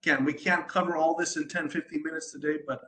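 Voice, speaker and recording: A man's voice: fairly high pitch, steady tone, quick pace, bright, forceful tone, roomy sound, low-quality recording. A man from the United States, a sustainability design consultant, giving a presentation at an online event, hesitant with many ums and restarts and a habit of asking "right?".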